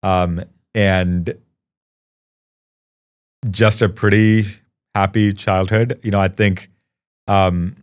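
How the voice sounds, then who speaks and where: A young adult man from India, a company founder reflecting warmly in a casual podcast interview, with lots of ums and uhs. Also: sits low. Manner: warm, reflective, frequent fillers.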